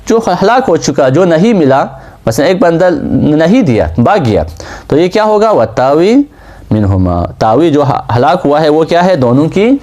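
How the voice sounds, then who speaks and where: A male seminary teacher gives a classroom lecture on Islamic law, posing questions and answering them himself. His voice is slightly high, and his pitch rises and falls lively.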